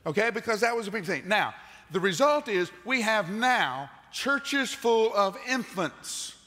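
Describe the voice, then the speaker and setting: An older man preaching a sermon as pastor, animated and moving about the stage in a large church auditorium. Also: high-pitched, unhurried. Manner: animated preacher, gesturing while pacing the stage. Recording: long reverb of a large sanctuary.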